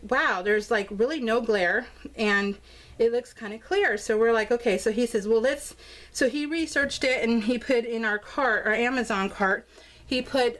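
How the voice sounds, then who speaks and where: An American craft vlogger shows off her scrapbook album, chatting informally in a bubbly, gushing way. Her voice is a little high and somewhat bright, and the audio quality is poor.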